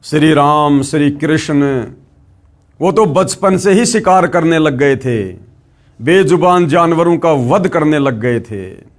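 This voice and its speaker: A man narrates a devotional story and breaks off to preach. He talks earnestly to his brothers and sisters. His voice sits slightly high for a man. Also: slow pace. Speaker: religious storyteller.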